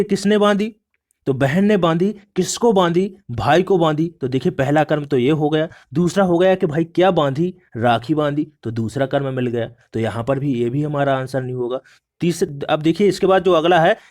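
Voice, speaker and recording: A man's voice: a little high, darkish tone. A male teacher explaining exam questions step by step, often repeating "look" as he walks through each answer. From India. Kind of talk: exam prep lesson.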